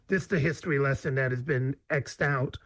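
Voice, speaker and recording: A man's voice: medium pitch, a little fast, a bit bright, no room sound. A man hosting an interview, responding casually and affirmingly with frequent fillers. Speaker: interview host. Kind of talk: conversational interview.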